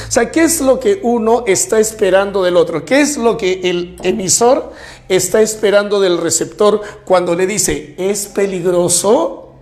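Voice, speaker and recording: A man's voice: high voice, darkish tone. A man with a Peruvian Spanish accent teaching a recorded class, explaining step by step with examples and often checking in with short tag questions.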